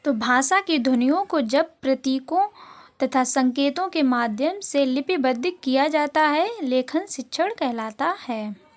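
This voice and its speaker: A woman's voice: high-pitched, lively intonation, a little slow. A woman teaching as she reads out exam questions, then explains the answers and repeats them. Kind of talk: exam-prep lesson.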